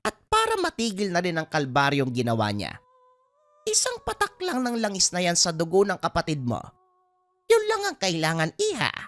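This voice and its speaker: A woman's voice: huge pitch swings, moderate pace, fairly bright tone. A woman voicing a stern old grandmother, a former witch, in a dramatized horror story. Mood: grave, stern. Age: older. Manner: stern, sweeping swings of pitch.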